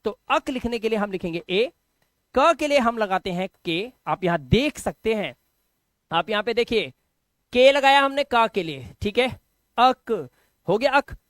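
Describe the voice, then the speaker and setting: A man teaching an online lesson, explaining step by step, repeating words slowly and checking that students follow. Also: sits high, lively intonation, a bit bright, dry recording. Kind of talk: online lesson explaining Hindi to English spelling.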